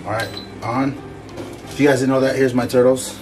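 A man's voice: medium pitch, normal speed. Man, casual cooking vlog, chatty, home kitchen, distant mic, music underneath. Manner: relaxed, chatty, talks while cooking. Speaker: cooking vlogger.

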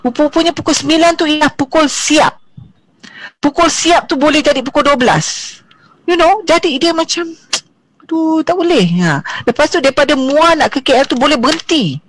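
Malaysian lady from johor giving a seminar talk, lively, drops in english, very dry sound. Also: high voice, moderate pace, no echo. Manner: lively, code-switching with English asides, rhetorical questions. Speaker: seminar speaker.

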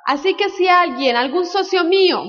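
A young woman with a very high voice speaks candidly and emphatically from a convention stage. She talks in short bursts with pauses. The sound is dull and carries a long reverb from a big hall. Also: fairly bright tone. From Colombia. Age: young adult. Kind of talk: motivational stage talk, phrase by phrase for an interpreter.

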